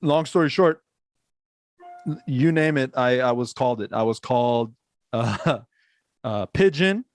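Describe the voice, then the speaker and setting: A man's voice: mid-range voice, unhurried, long pauses, dry recording, clean studio sound. A young man from Iran hosting a podcast, chatty and upbeat, laughing often in casual talk. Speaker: podcast host.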